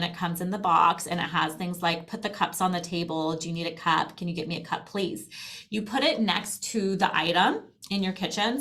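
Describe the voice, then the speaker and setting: The middle-aged American woman here, presenter and guest for a language program, has a voice on the low side with a fairly bright tone. She demonstrates the product in a loose, chatty way meant to encourage.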